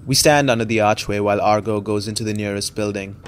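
A man's voice: fairly low pitch, steady tone, quick pace, a little hiss or hum, natural voice. A young man narrating in first person as the lead of an audio drama, chatty with wry, self-deprecating asides. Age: young adult.

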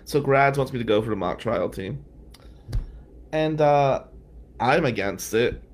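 A man's voice: medium pitch, lively intonation, unhurried. A middle-aged man from New Jersey hosting a live stream, telling a rambling story with many tangents. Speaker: host.

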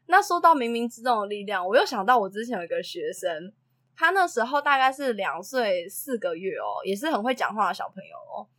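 A woman's voice: mid-range voice, a little fast. A woman, a preschool teacher telling anecdotes in a casual chat and acting out the quotes. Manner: animated storyteller who acts out quotes and laughs often. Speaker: preschool teacher and podcast co-host.

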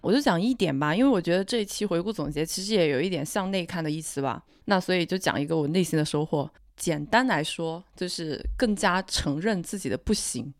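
A woman with a slightly low, steady-sounding voice talks as a podcast co-host. She comes across as composed, cool and rational while chatting reflectively. The sound is dry, with little room on it. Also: fairly quick, hardly any pauses, no echo. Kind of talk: casual reflective chat.

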